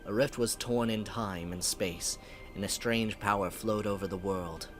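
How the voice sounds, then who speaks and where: Solemn male alien sentinel, read by a man: slow, formal, low-pitched, over game music. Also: fairly bright tone. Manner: slow, measured, grave delivery.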